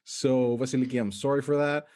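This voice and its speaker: A man's voice: mid-range voice, steady tone, a little fast, a little mellow. Rambling man hosting. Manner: self-deprecating, rambling, apologetic. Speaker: interview host. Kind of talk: casual video-call interview. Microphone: video call.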